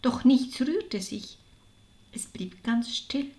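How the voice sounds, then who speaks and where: A woman narrating a children's storybook in a slow, expressive way. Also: high-pitched.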